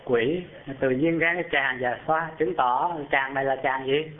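An unhurried man preaches a storytelling sermon, recounting a Buddhist story before a live audience, over tinny, phone-like sound. He is animated, often asks the listeners questions, and lifts his voice high when describing things.

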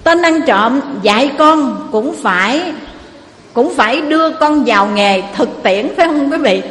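A woman preacher telling a moral story in a lively way, often addressing her listeners directly. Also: high-pitched, measured pace. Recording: echoey hall, faint noise.

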